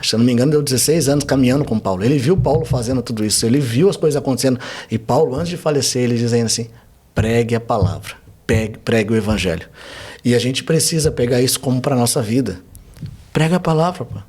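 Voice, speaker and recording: A man's voice: medium pitch, rapid-fire, a little mellow, husky. A man, a pastor, giving a fervent testimony in a podcast interview and driving his points home with rhetorical questions.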